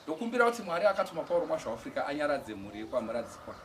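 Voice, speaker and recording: A man giving a church testimony, speaking haltingly and with feeling, often restarting words. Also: a little high, big pitch swings. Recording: distant mic with faint outdoor noise.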